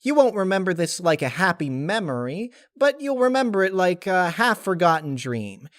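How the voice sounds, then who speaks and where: In a story reading, a man voices a bubbly, carefree young female pony spirit, pitching himself high above his natural voice in a sing-song, perky, gushing way with childlike phrasing. The mood is breezy and reassuring, at a moderate pace, in a dry, studio-quality recording.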